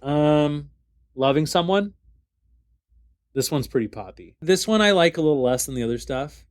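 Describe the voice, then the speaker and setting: A man co-hosting a podcast, chatting casually about albums in a relaxed, rambling way full of fillers and restarts. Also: a little high, moderate pace. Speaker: podcast co-host. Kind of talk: casual music review chat.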